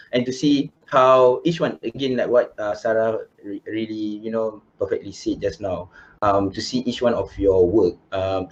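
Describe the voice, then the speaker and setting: A man hosting a casual panel chat, rambling with many fillers and restarts. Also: lowish voice. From Malaysia. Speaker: host. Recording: dull lo-fi video call with faint hiss.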